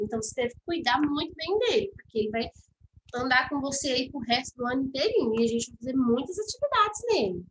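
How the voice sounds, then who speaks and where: A woman's voice: fairly high pitch, a bit bright, slight background noise, poor audio. A woman with a Brazilian Portuguese accent, giving a patient step-by-step lesson to children as their teacher. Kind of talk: online class lesson.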